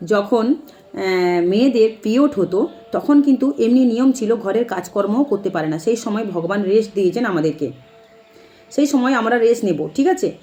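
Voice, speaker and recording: A woman's voice: a little high, animated, fairly quick, warm tone. A woman talking directly to viewers in an impassioned, emphatic way, often checking in with listeners as she makes her case. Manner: emphatic, keeps asking "ঠিক আছে?". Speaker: temple devotee vlogger. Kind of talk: impassioned personal talk to viewers.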